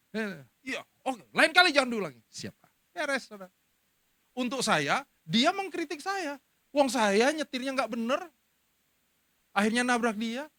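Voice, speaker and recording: Middle-aged male preacher, animated storyteller, high bright voice. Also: dry recording. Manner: animated storytelling, acting out quoted speech. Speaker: pastor. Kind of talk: sermon.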